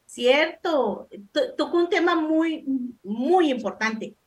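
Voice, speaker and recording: High-voiced woman giving firm advice. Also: expressive, takes it slowly. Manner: firm, emphatic, repeats points for stress. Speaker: talk show panelist giving advice. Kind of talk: casual advice talk.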